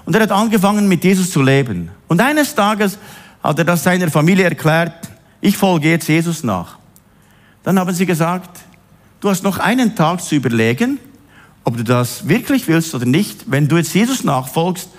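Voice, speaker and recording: In an animated sermon full of storytelling, a man stretches out words for emphasis. His pitch swings high on the emphasized parts, with drawn-out stresses.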